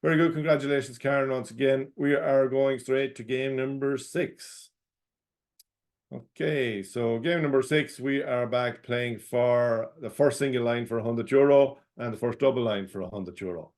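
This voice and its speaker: An Irish man hosts as a bingo caller. He delivers in the formulaic patter of the bingo hall, setting out digits and traditional calls. His voice sits at a middling male pitch. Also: fairly even intonation, moderate pace, a little mellow. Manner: formulaic, repeats each number digit by digit. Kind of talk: bingo calling with traditional number rhymes.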